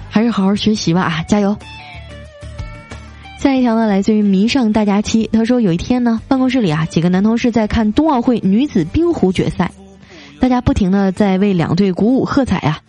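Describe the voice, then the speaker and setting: Woman host, casual and teasing, mellow tone over faint music. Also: medium pitch, expressive, brisk, long pauses. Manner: playful, teasing, reads jokes with light voiced quotes. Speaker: podcast host reading listener comments. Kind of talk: casual chat. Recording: soft music behind.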